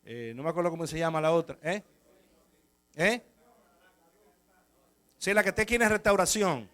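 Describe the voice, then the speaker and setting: A Dominican pastor preaches with a high, bright voice and tells stories with plenty of life. He keeps checking in with his congregation as he talks. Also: moderate pace. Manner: lively, anecdotal, chatty with the congregation. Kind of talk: storytelling sermon.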